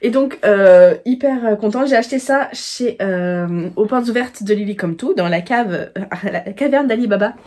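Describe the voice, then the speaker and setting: A woman from France hosts her own knitting video, talking to the camera at home. She rambles loosely, full of fillers and restarts, in a middle-pitched voice. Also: moderate pace, hardly any pauses, a little mellow. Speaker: knitting podcast host. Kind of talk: casual chat.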